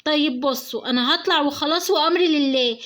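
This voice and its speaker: A woman's voice: high voice, a little fast, fairly bright tone. A young woman with an Egyptian accent playing a mother in an acted family skit, talking in an anxious, cautious, pleading way.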